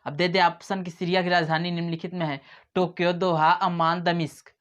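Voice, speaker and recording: A man's voice: high voice, little pitch movement, a little fast, fairly bright tone. A man teaching memory tricks in a playful way, acting out little scenes as he explains. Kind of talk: mnemonic lesson to camera. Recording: dull lo-fi sound.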